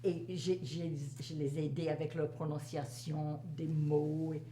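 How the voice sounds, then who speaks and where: An older woman speaks in a low, dark voice with a Cajun French accent, her tone level and her pace a little slow. She is being interviewed as a teacher looking back on her career, reminiscing casually, repeating phrases for emphasis and slipping in the occasional English word. The room is echoey, with a faint hum and some noise.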